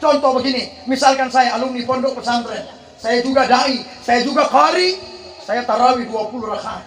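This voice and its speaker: High-voiced joking preacher in echoey hall. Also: male voice, normal speed, fairly bright tone. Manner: joking, call-and-response with the crowd, melodic Quran chanting. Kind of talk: humorous sermon with Quran recitation.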